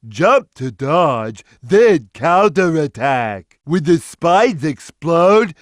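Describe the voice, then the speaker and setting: A man voicing a big, slow-witted, gentle, good-natured cartoon cat in a video game, speaking in a simple, earnest, drawn-out way. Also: fairly high pitch, dry recording, clean studio sound. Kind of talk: video game character voice lines.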